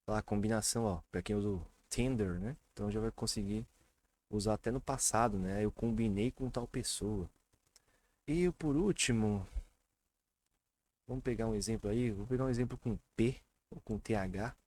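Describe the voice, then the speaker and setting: A man's voice: on the low side, normal speed, a little mellow. A man from Brazil teaching English pronunciation in a casual online lesson, chatty, often repeating sounds with emphasis.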